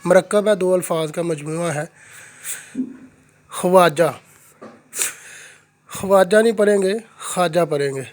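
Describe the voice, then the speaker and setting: A man teaching Urdu pronunciation, repeating each word slowly and deliberately in a lesson. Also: a little high, a little mellow.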